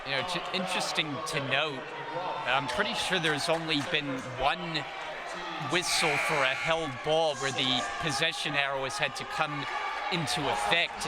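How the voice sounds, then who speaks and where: A man's voice: fairly high pitch, heavy background noise. A man giving conversational color commentary during a basketball game. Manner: conversational, explanatory. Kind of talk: analytical sports commentary. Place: basketball arena. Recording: broadcast with loud crowd.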